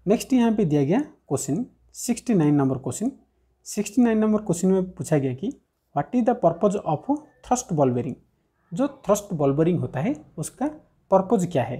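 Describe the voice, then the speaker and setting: A man working through technical exam questions in a screen-recorded lesson, reading each question slowly and then explaining the answer step by step. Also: high-pitched, dark tone, slightly rough. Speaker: technical teacher. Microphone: screen recording voice-over.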